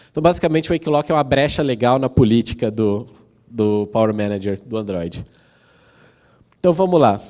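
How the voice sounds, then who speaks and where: A man's voice: medium pitch, dark tone. A Brazilian man giving a casual technical conference talk, explaining step by step with many fillers and tag questions. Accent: Brazilian Portuguese. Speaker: conference speaker. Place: large conference hall. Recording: long hall reverb.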